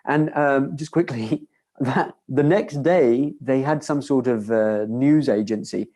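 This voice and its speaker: Young guy talking through a q and a, mellow warm tone, earnest, trips over his words a bit. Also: mid-range voice, takes it slowly. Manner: earnest, conversational, with stumbles and restarts. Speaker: guest scholar answering audience questions. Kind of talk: casual lecture Q&A.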